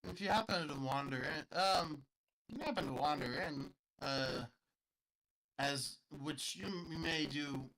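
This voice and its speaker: A man voicing a calm, courtly old vampire lord, speaking haltingly with many fillers. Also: a little high, rough recording. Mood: cordial.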